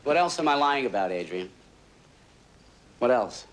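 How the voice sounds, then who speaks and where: An actor playing a defensive, indignant husband denying an accusation, heard from a worn tape copy of a film. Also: male voice, mid-range voice, very animated, a little slow, rough recording. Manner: indignant, swinging from scoffing to insistent.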